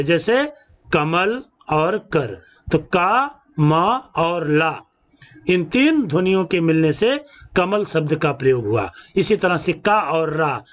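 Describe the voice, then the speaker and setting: A man teaching a grammar lesson, drawing out each sound slowly as he explains. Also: high voice, a bit bright. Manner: slow, drawn-out teaching delivery with stretched sounds. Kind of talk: classroom lesson.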